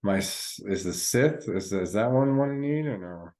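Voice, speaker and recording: A man's voice: lowish voice, expressive, normal speed, darkish tone. A man co-hosting a podcast in casual chat, laid-back and rambling with many fillers. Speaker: podcast co-host.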